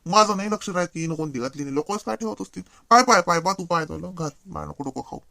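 A man playing an exasperated young husband with a Varhadi Marathi accent in a cartoon, scolding and quick. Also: high voice, lively intonation, gravelly, bright, forceful tone, no room sound, heavily acted.

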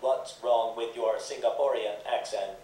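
A man voicing a gentle talking toy speller who speaks slowly and earnestly, heard far off in a very echoey space. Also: mid-range voice, steady tone, natural voice. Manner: slow, measured, earnest. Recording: very echoey, distant stage sound.

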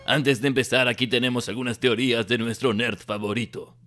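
Parody dub: male actor as sardonic old villain emperor, Latin American Spanish accent, forceful tone, mid pitch, light music behind. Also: steady tone, fairly quick, close to an everyday voice. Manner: sardonic, exasperated, swearing. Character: grumpy, foul-mouthed old male evil emperor reviewing a film. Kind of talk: comic scripted review in parody dub. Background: background music.

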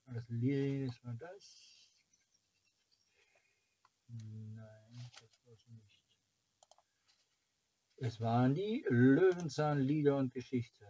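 Extremely slow and mellow, with frequent pauses, a medium-pitched man in his forties rambles and thinks aloud to viewers of his children's TV fan club channel. The sound is muffled with slight background noise, picked up by an arm's-length camera or webcam in a small, cluttered room at home.

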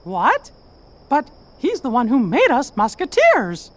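Cheerful cartoon mouse hero, squeaky falsetto, bouncing pitch, game music under. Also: male voice, wildly swooping pitch, slow pace, heavily acted. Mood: earnest. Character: cheerful plucky cartoon mouse musketeer, male.

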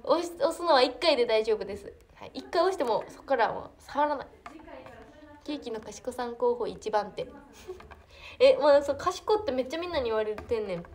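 Brief: teen girl, Kansai accent, fairly high voice, chatty and giggly livestreamer on a phone. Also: animated, a little fast, a little mellow. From Hyogo, Japan. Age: teens. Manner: chatty, giggly, reacts to comments. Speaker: idol trainee livestreamer. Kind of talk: casual livestream chat reading comments.

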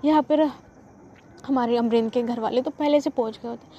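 A woman's voice: a little high, normal speed, mellow, slight background noise. A woman casually retelling a story in a chatty, rambling way, often correcting herself, recorded lo-fi. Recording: dull lo-fi with faint ambience.

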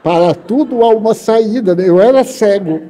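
An older man with a Brazilian Portuguese accent giving an animated storytelling lecture as a spiritist speaker. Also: high-pitched, normal speed. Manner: animated, acts out dialogue with lively voice shifts.

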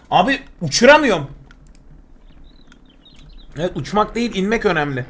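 A young man streaming a survival game live, chatting with viewers and yelping in excitable bursts of panic as he plays. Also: sits high. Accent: Turkish. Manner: excitable, yelps and repeats words when panicking. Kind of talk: live gameplay commentary.

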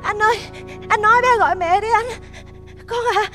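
A woman's voice: extremely high pitch, a little fast, over music. An actress playing a remorseful young mother, speaking in a hesitant, pleading, stammering way. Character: remorseful young mother who gave up her baby. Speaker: actor in a staged skit. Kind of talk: sentimental stage drama.

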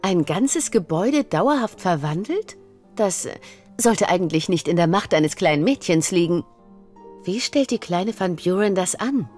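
Expressive young elf princess. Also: female voice, lowish voice, unhurried, soft background music. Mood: curious. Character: young elf princess, kind, polite and earnest. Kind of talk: video game character dialogue.

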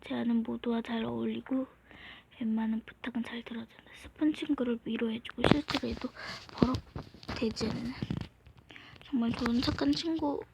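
A woman gaming creator reading a game's story aloud at home, voicing the characters herself and often slipping into soft whispers. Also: on the high side, steady tone, normal speed, creaky, very noisy. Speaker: gaming YouTuber. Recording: dull lo-fi recording.

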